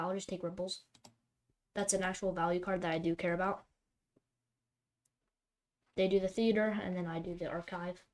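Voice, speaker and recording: A woman's voice: medium pitch, a little mellow. A woman giving running commentary on her own card game, talking to herself and breaking into exasperated outbursts over her bad luck. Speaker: streamer playing a card game. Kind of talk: live gameplay commentary.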